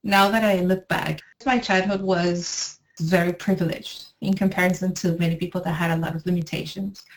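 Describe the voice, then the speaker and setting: A woman from Venezuela, an editor and language teacher, speaking in an interview in a clear, measured way. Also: fairly low pitch, fairly even intonation, slight background noise, poor audio. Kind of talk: interview self-introduction.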